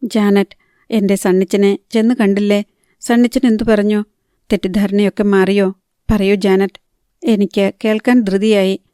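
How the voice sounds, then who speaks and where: A woman's voice: mid-range voice, flat delivery, moderate pace, mellow, clear, resonant tone, dry recording, clean studio sound, lightly acted. A woman reading the part of a heartbroken, bitter young woman in an audiobook. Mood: pleading.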